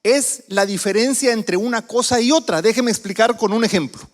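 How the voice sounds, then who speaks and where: High-voiced preacher in a reverberant church. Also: male voice, normal speed. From Guatemala. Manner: conversational, asks the congregation questions. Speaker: visiting preacher. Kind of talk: sermon. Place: church sanctuary.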